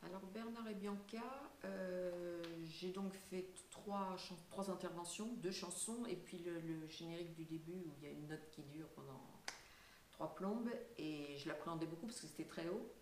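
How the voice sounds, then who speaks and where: A woman's voice: fairly low pitch, normal speed, a little mellow, reverberant, slight background noise. An older woman being interviewed, talking casually and hesitantly with many fillers and light laughs. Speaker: singer and voice actress, guest.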